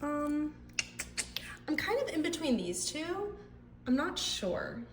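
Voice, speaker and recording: This lifestyle vlogger's voice is high with big pitch swings, and she takes her time. She's a young woman congested from a cold, chatting and musing aloud at home while sampling household scents, with a slight hiss or hum in the audio.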